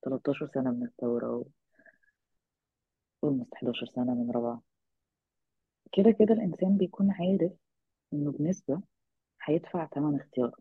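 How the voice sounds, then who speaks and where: A woman with an Egyptian Arabic accent giving a halting, reflective personal account as an interview guest. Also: sits low, husky, no echo. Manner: halting, reflective, with trailing phrases. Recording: thin, phone-like narrow-band sound.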